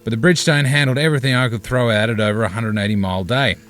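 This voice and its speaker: Male voice-over narrator for a tyre review, mid-pitched, measured and technical. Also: a little hiss or hum. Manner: measured, technical, steady reading.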